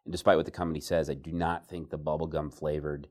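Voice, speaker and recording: Super deep voiced guy hosting, asks stuff with dry sarcasm. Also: level tone, quick pace, darkish tone. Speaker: host. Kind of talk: talk show interview.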